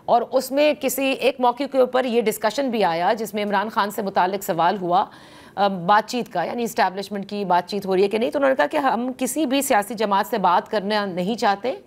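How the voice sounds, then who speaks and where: A woman hosting a political talk show, asking measured questions with frequent hesitations. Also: mid-range voice, vocal fry.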